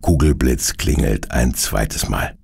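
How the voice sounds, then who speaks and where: A man narrating a children's detective radio play in an expressive, lilting way. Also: very deep voice, takes it slowly, gravelly. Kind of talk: scripted storytelling for children.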